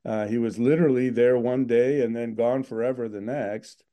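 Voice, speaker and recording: An older man talks in an interview with a very dark, mellow voice. He speaks in a thoughtful, earnest way, pausing on fillers as he gathers his words. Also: mid-range voice, fairly even intonation. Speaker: guest filmmaker. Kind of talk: reflective interview talk.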